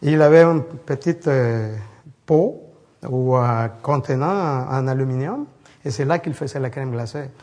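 In a mid-range, somewhat mellow voice, a Salvadoran preacher tells stories during a casual sermon to a small congregation. His delivery is halting, full of restarts as he searches for the right words.

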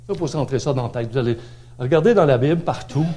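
A middle-aged man with a Québécois accent preaches, his voice mellow and warm. He talks in a loose, conversational way, often repeating words and adding small tags. His pitch sits in an ordinary middle range. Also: fast. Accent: Québécois French. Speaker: pastor. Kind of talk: sermon.

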